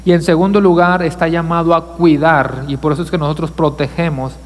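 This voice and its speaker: A man's voice: on the high side, level tone, fairly quick, big-room sound. A male pastor preaching a sermon, asking the congregation questions and joking with them. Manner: asks the congregation questions, jokes with listeners. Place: church sanctuary.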